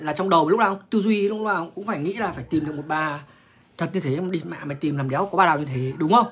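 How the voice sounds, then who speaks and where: A man's voice: sits high, fairly bright tone, breathy edge. A man, ranting bluntly and crudely to viewers on a livestream. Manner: crude, profane, blunt, lecturing.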